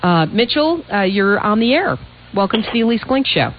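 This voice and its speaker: Female talk-radio adviser, medium pitch, direct and explanatory, slightly muted sound. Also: very animated, moderate pace, highs cut off, noisy background. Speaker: radio call-in host, financial adviser. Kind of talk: conversational advice on live radio.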